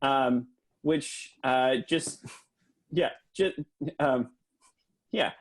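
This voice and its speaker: A man doing an earnest, deadpan mock lecture for a comedy podcast, with lots of hesitant fillers. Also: mid-range voice, very slow.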